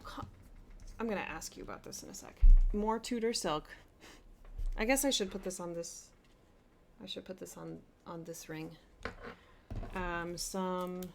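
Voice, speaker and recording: A woman's voice: fairly low pitch, unhurried, long pauses, a little hiss or hum. A woman hosting a craft vlog, chatting eagerly and gushing as she shows a haul, often restarting her sentences. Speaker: flosstube host. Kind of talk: casual chat showing a haul.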